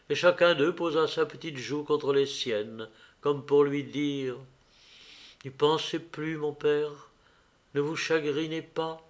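A man narrating a classic story as an audiobook in a measured, expressive way. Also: fairly high pitch.

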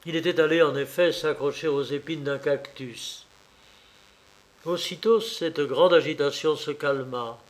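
A man narrates an audiobook in a fairly high voice. His delivery is slow and measured. Now and then he hesitates slightly. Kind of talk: audiobook reading.

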